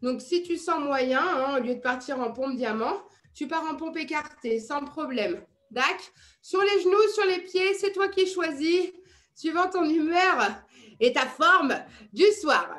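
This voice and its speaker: Upbeat French fitness coach, high voice. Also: female voice, expressive, unhurried, fairly bright tone. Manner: upbeat coaching, counting reps, chatty asides. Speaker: fitness instructor. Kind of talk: live online workout class. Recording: echoey room with music.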